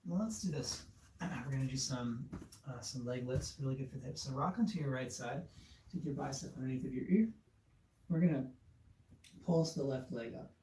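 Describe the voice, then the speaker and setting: Relaxed man leading a yoga class. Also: mid-range voice, normal speed, pauses often. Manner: relaxed, encouraging, with fillers. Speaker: yoga instructor. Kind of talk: guided yoga class instruction. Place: studio room. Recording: echoey room, far from mic.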